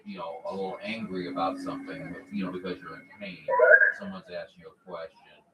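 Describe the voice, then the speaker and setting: A man's voice: deep voice, fairly even intonation, a little fast. A man from southern Missouri chatting casually as a ham radio operator, rambling with lots of "you know" fillers, heard through a mistuned sideband signal. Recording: noisy, echoey, distant radio reception.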